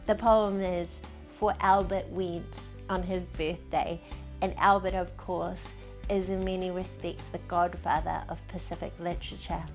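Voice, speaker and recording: A woman's voice: on the low side, little pitch movement, unhurried, faint music behind. A woman presenting a book review segment, speaking directly to the audience.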